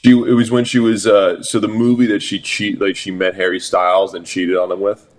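A man co-hosting a podcast, telling stories in a casual, profane, animated way. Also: on the low side, brisk. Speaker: podcast co-host. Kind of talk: casual chat.

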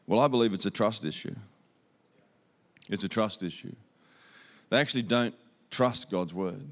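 A man with a lowish voice and normal speaking speed preaches as a visiting speaker in a church auditorium. He has an Australian accent and uses a handheld microphone, staying upbeat and conversational while repeating important phrases for emphasis.

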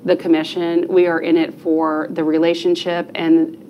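This is a woman from New Jersey speaking as a guest on a podcast. Her voice sits fairly low, and she talks in an earnest, conversational way. A faint room ambience runs underneath. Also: monotone, normal speed, warm tone, slight background noise. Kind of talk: podcast interview.

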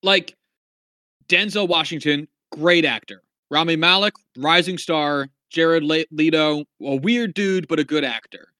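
Man, somewhat high voice, casual movie review chat, filler-heavy and wry. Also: measured pace, bright, forceful tone, smooth, dry recording. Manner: rambling, frequent fillers, wry asides. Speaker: podcast co-host.

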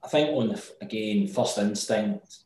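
Speaking at a normal pace in a fairly low, darkish voice, this Glasgow-accented businessman from Scotland appears as a remote interview guest. He's reflective and frequently starts his phrases over, and the recording carries heavy room echo.

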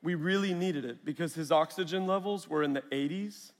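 A man in his thirties preaching a sermon as a storytelling pastor, lively and acting out family conversations. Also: on the high side, brisk. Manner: animated, acts out family dialogue. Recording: long hall reverb.

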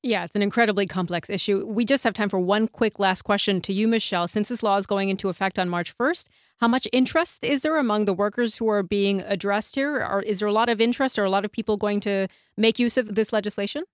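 A woman hosting a radio interview, asking measured, precise questions. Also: mid-range voice, dry recording, clean studio sound. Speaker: host.

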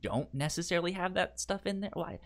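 In a high, slightly bright voice, a man talks fairly quickly as a book club podcast co-host. The chat is casual, and he often stammers on the beginnings of words and repeats words.

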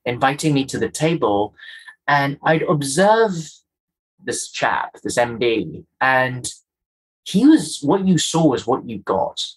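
Poor audio carries a medium-pitched, sing-song, slow male voice that's slightly rough. In a reflective interview, this Kenyan guest, whose accent is faint and polished, describes his own experience with earnest emphasis, repeating the phrases that matter most.

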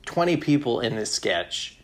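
A man's voice: medium pitch, big pitch swings, unhurried. Guy chatting, tells a funny backstage story, laughs a lot, acts out what people said. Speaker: comedian guest. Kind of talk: casual chat, telling a story.

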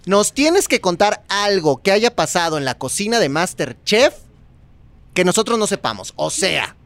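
A woman with a Mexican accent hosts a podcast in casual chat. She talks in a playful, teasing way, and her voice sits at an everyday middle pitch. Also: sing-song, moderate pace, no echo. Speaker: podcast host.

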